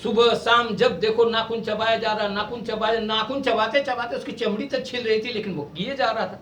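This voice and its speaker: A man's voice: high voice, fairly quick, a little hiss or hum. A male comedian, telling a comic story on stage and slipping into character voices. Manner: lively storyteller who switches into character voices. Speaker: stand-up comedian. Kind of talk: stand-up storytelling with acted voices. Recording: echoey stage sound from a distance.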